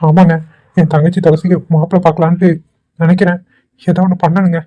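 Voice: mid-range voice, little pitch movement, dull audio, close to an everyday voice. Someone voicing an anxious young cartoon man. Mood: concerned. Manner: anxious, pleading, talks quickly. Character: kind worried young man rescuing a girl. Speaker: cartoon character. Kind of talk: Tweencraft cartoon voice acting.

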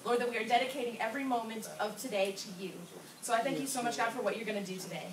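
A woman's voice: a little high, racing, crowd noise. A young woman from Florida leading a drama ministry team, giving upbeat announcements and a prayer. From Orlando, Florida. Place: church hall with a wooden floor, indoors. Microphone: far camera. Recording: echoey room from far off, noisy.

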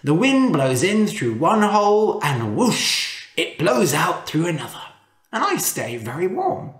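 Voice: medium pitch, huge pitch swings, measured pace. A storyteller voicing a sly, cheerful male trickster with a playful, boastful manner, in a roomy echo.

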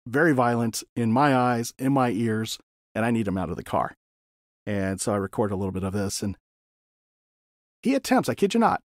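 A man's voice: mid-range voice, no room sound, studio quality. A man hosting his own podcast, telling a personal story in a casual, rambling way with side remarks, into a condenser mic. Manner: rambling conversational storyteller with asides. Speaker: podcast host. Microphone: condenser studio mic.

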